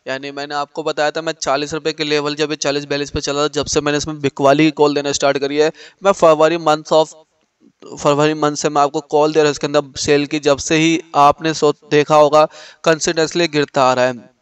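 A man's voice: a little high, level tone, fairly quick, clear, resonant tone, dry recording. A man hosting a stock market channel, talking viewers through share data and charts on his screen. He explains step by step and keeps saying "look here". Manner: explanatory, repeats "dekhiye".

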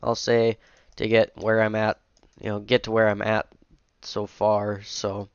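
Sniffling from a cold, a young modding streamer talks through a game-map edit at his home computer, rambling with plenty of fillers and self-corrections. He speaks a little slowly in a monotone, his voice on the low side, clear and resonant. The headset audio is dull, without echo.

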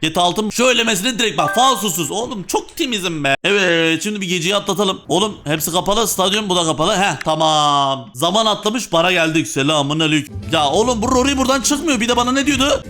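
A young man hosting a video game playthrough, chatting casually and excitedly with joking, playful slang. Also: sits high, fast talker, few pauses, soft background music. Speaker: gaming video host. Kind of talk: casual let's-play commentary.

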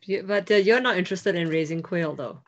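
A woman's voice: fairly low pitch, brisk. Woman vlogger, dry self-deprecating banter, muffled lo-fi sound. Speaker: vlog co-host. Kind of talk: casual chat.

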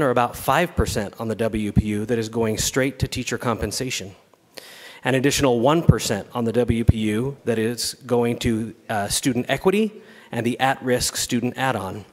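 An American man in his fifties giving a legislative floor speech as a state senator, explaining things with emphasis. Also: medium pitch. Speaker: state senator presenting a bill. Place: large indoor legislative chamber. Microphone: podium gooseneck microphone. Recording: reverberant large chamber.

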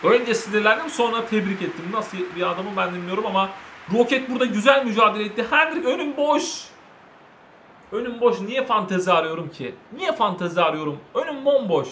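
A high-pitched young man with a Turkish accent calls his own football video game match as a lively commentary. He cheers, groans and scolds his players at every chance. A faint background noise sits under his voice. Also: fairly quick. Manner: shouts in excitement, scolds the players, cheers them on. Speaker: gaming channel host.

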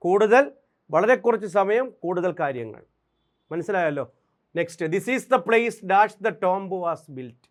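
Man, Malayali accent, exam-prep grammar lesson, drills examples, smooth clear voice. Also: sits high. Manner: drills examples, asks quick questions to students. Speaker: English teacher.

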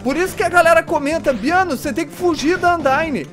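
A man doing let's play commentary, excitable, yelping and shrieking in panic as he plays. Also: very high-pitched, brisk, soft background music. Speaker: gamer.

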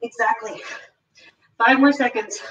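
A woman fitness instructor leading a live workout, giving energetic, encouraging cues and counting reps, a little out of breath. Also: on the high side, a little slow. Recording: roomy, distant, dull lo-fi sound.

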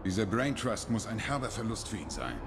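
A man's voice: fairly low pitch, big pitch swings, a little fast, music in the background. A man playing a stoic, loyal soldier in a video game, casually understating his wound. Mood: determined, matter-of-fact.

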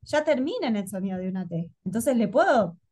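A woman's voice: mid-range voice, very animated, brisk, darkish tone. A woman with an Argentine accent, teaching English in an online class. She drills pronunciation patiently and keeps checking that her students follow. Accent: Argentine Spanish. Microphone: video call.

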